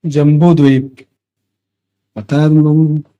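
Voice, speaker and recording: A young male teacher with a high voice, lecturing a class. He keeps asking questions and answering them himself, checking in often to make sure his students follow. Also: little pitch movement, a little slow, mellow, smooth, muffled recording.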